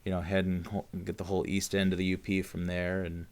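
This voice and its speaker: Podcast co-host: man, very low voice, easygoing rambling chat. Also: level tone, fairly quick. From Upper Peninsula of Michigan. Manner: rambling, many fillers and restarts. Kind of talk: casual chat.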